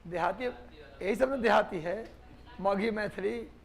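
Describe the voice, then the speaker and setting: A man from Bihar, India, leads a live online class, repeating points so students can take dictation and drilling them with questions. His voice is high and gravelly, and he speaks without hurry.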